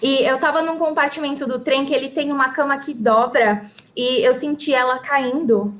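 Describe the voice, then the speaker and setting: A woman's voice: high-pitched, steady tone, a bit bright. A woman with a Brazilian Portuguese accent interpreting a speaker phrase by phrase. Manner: quick, relaying phrase by phrase. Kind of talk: consecutive interpreting.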